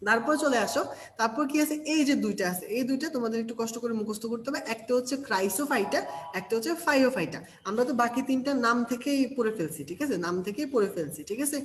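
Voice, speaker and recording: Fast-talking male tutor. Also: extremely high pitch, animated, a bit bright, a little hiss or hum. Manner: quizzes listeners with quick questions and answers them himself; keeps checking in with "okay?". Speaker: biology tutor. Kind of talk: exam-prep online lesson.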